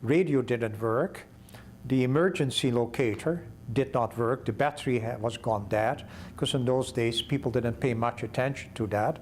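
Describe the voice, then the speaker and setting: Brief: older man, mid-pitched, lively documentary storyteller, faint background hiss. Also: moderate pace. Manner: vivid storyteller, acting out dialogue.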